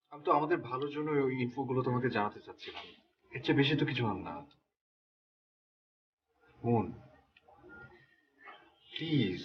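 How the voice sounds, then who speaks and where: An actor playing a fussy, germ-fearing young husband in a TV drama, panicky and pleading. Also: male voice, fairly high pitch, muffled recording, natural voice. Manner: panicky, then softly pleading. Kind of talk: TV drama acting.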